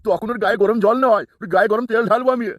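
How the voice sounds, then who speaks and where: Give me a scheming old cartoon grandpa, voiced by a man, quick and highish. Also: steady tone, no echo, clean studio sound. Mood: plotting. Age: older. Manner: plotting, coaxing. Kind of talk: comic cartoon dubbing.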